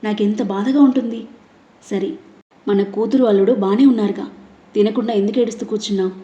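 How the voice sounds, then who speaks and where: Brief: woman reading a controlling, scolding husband for an audiobook novel. Dark tone, echoey room. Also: mid-range voice, steady tone, fast, lo-fi sound, close to an everyday voice. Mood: angry. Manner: commanding, scolding. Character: stern controlling middle-aged husband.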